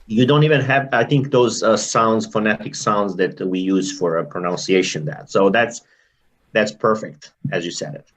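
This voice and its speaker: A man's voice: fairly low pitch, moderate pace. A man in his thirties from Serbia, with a Serbian accent, telling his story as an interview guest in a reflective, rambling way over a video call. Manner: reflective, rambling, animated in places.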